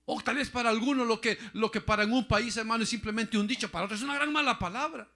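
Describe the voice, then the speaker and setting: A man preaches with a high, gravelly voice that has a sharp, bright edge. He repeats phrases and keeps addressing listeners as brother. His voice rises loud for emphasis and drops low for asides. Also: fast. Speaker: pastor. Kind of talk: sermon.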